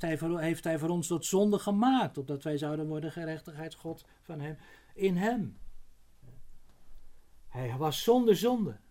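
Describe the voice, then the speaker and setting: A middle-aged man preaching a Bible sermon, unhurried, slowing to stress words, with frequent small tag questions and restarts. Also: fairly high pitch, darkish tone.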